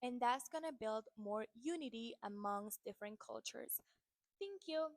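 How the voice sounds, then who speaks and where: A woman speaks in an earnest, measured way, as if explaining something to her followers. Her voice sits a little high, and the recording is dry and close with no room sound. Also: animated, no echo. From Dominican Republic. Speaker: content creator. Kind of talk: explanatory social media monologue.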